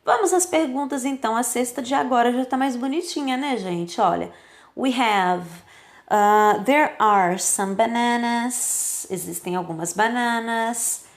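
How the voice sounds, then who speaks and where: Brazilian woman teaching english online, kinda high voice, says the examples nice and slow. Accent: Brazilian Portuguese. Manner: slow, careful example sentences with lively emphasis. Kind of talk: recorded online lesson.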